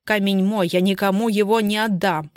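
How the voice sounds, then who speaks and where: A scheming society woman cornered and turning vicious, her voice shrill and venomous, as a woman reader puts her on. She swings between hysteria and cold mockery. The reading sounds close and dry. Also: steady tone, moderate pace, no echo, natural voice. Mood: hysterical.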